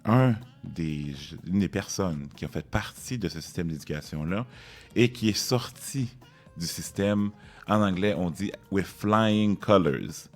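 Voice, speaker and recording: A male radio host with a deep voice. He talks emphatically and conversationally, leaning on key words while he introduces and questions his guest. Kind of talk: radio interview hosting.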